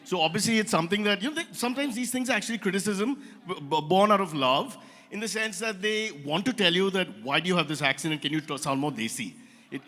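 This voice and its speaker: Bright-voiced Indian comedian roasting a crowd. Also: male voice, sits high. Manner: teasing rapid banter with crowd asides. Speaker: comedian host. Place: event hall stage. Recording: reverberant event hall.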